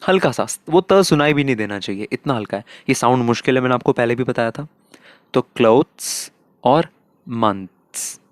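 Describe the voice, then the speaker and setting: A man teaching English pronunciation in a casual, explanatory lesson, repeating each word slowly to model it. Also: medium pitch, no room sound. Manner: slow, repeats words, models sounds.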